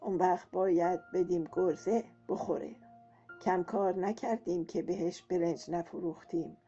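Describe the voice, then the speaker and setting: A woman doing a nagging old granny, a touch higher and louder, dull lo-fi sound with faint music behind. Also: steady tone, close to an everyday voice. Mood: complaining. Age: older. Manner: complaining, nagging, talkative. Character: chatty gossiping old village woman.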